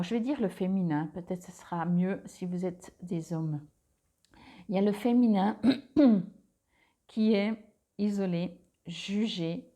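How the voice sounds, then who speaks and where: A woman's voice: mid-range voice, warm tone. A woman doing a casual monthly card reading on a clip-on mic, hesitant, with many fillers and restarts. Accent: Swiss French. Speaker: tarot card reader.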